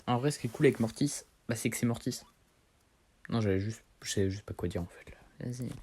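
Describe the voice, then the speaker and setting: A man's voice: mid-range voice, fast, darkish tone, slight background noise. A teenage boy chatting casually over his gameplay, rambling in slang and correcting himself as he goes. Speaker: gaming streamer.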